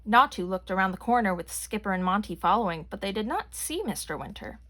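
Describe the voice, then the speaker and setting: A woman reading a children's story aloud with gentle, clear storytelling. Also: medium pitch, lively intonation, a little fast, slight background noise. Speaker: reader. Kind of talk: children's read-aloud narration.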